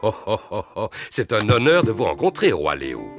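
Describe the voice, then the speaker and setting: A man's voice: fairly low pitch, huge pitch swings, normal speed, over loud music. A man voicing a jovial father pig in a children's cartoon, playful and mock-formal.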